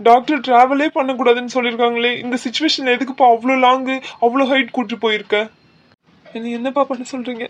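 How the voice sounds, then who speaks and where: A man's voice: very high voice, fairly even intonation, fast. A man voicing an elderly father in a cartoon, speaking in a soothing, fatherly way. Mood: reproachful. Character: elderly father, gentle and reassuring. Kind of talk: cartoon dubbing.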